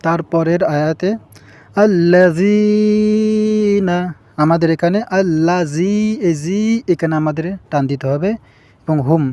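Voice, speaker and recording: A man teaching the pronunciation of a short scripture passage, who explains each point calmly and then chants the words slowly, holding out their long vowels. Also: a little high, dry recording. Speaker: Quran recitation teacher. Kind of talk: slow pronunciation lesson with chanted examples.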